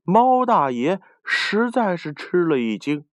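Male storyteller, slow and very animated, dry close recording. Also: high-pitched, no room sound. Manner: expressive, lively reading. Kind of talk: storybook narration.

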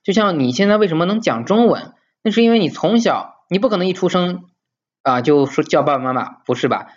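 A man's voice: sits high, lively intonation, brisk, dull audio. A man teaching as an English teacher in an informal video lesson, emphatic and coaxing, often asking his listeners rhetorical questions.

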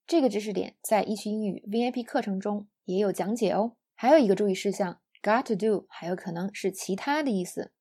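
A woman giving a scripted online English lesson. She explains clearly and slows down when she says the English example phrases. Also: mid-range voice, mellow. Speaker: English teacher.

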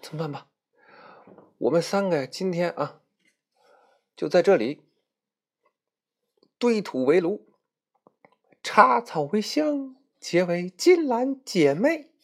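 A chirpy little princess, as a male storyteller puts her on, high and squeaky with a lively sing-song lilt and a twang. She is clever and bossy, and talks with a gravelly edge. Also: slow, pauses often, exaggerated voice. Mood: solemn. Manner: giggly, teasing, then rousing like a leader.

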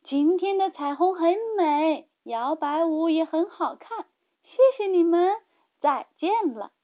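A woman's voice: very high voice, slow. A woman voicing a proud, boastful flying fish leader in a children's storybook. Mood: hearty. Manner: boastful, hearty. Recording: tinny phone-like sound.

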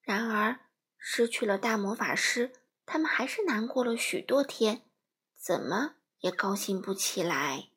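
A mother reading a storybook aloud to children in a gentle, storytelling manner. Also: medium pitch, lively intonation, a little slow, slightly rough.

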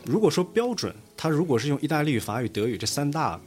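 A man's voice: on the high side, very animated, fast talker, a little mellow, faint music behind. A man from Lanzhou, a guest pronunciation coach, explaining things in a casual podcast chat with a patient, teacherly manner. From Lanzhou, China.

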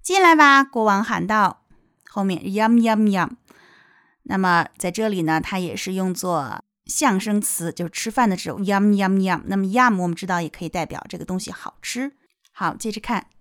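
A young woman teacher explaining a picture book line by line, with lively rises in her voice. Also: medium pitch, normal speed, dry recording, studio quality. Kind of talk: picture-book reading lesson.

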